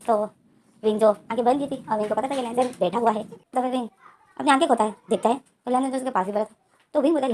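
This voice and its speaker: A woman's voice: a little high, a little mellow. A woman retelling a fan story as a narrator, quoting each character's lines in her own voice.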